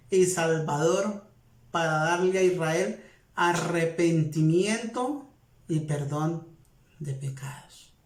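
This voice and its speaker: A man's voice: fairly high pitch, darkish tone, echoey room. A man, a pastor preaching to a present congregation in an earnest, repetitive way. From Colombia. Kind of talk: sermon. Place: congregation hall with audience present.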